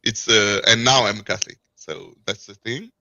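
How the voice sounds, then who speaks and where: A man's voice: fairly low pitch, moderate pace, creaky, bright, forceful tone, no echo. French man, hesitant, searching for words. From France. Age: 40s. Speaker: guest. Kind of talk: casual conversation.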